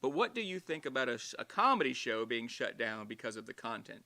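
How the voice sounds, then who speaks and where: A man co-hosting a casual livestream, loud, excitable and swearing freely. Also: mid-range voice, fairly quick. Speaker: co-host.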